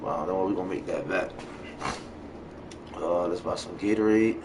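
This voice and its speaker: The male host of this gaming stream keeps up casual, profane, slang-heavy chatter. His voice sits low and moves at a moderate pace. It's a noisy home setup with game ambience audible.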